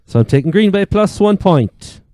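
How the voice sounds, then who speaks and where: A man's voice: high-pitched, animated, moderate pace, mellow, no echo. A man with an Irish accent from Cork, hosting a casual sports chat. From Ireland. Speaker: sports podcast host.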